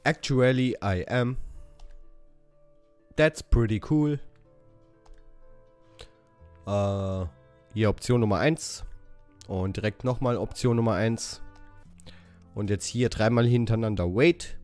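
A man giving a casual game walkthrough, haltingly reading out English dialogue options and correcting himself as he goes. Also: fairly low pitch, a little mellow, soft background music. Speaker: gaming channel host.

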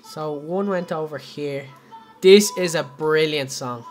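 A man's voice: on the high side, slow. A young Irish man casually walking viewers through a building tutorial on a game live stream, chatty, laughing often and speaking straight to his audience. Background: faint background music.

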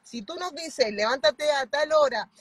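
In a recording with no room sound, a woman with a high-pitched voice speaks a little slowly but with fervent emphasis. She's a Chilean mentoring client in her thirties, on a video call from her car with her phone at arm's length.

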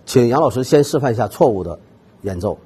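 A man's voice: mid-range voice, expressive, quick pace, mellow, husky. A man giving a trumpet lesson, explaining technique patiently and stressing the key points. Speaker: trumpet teacher. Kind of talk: instructional music lesson narration.

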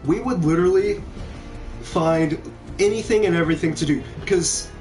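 This young Kentucky streamer, from a small town and speaking with an American accent, has a high voice with a darkish tone and talks at normal speed. He rambles conversationally through casual stories over gameplay in an indoor room at home while music plays behind him.

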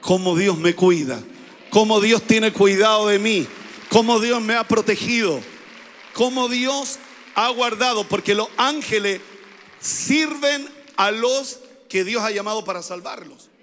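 A Chilean-accented male pastor delivers a sermon in a high, bright, forceful voice. He repeats key phrases and has the congregation say lines back to him. His voice rings with the long reverb of a church hall. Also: measured pace, slight background noise. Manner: preaching with repeated phrases and call-and-response.

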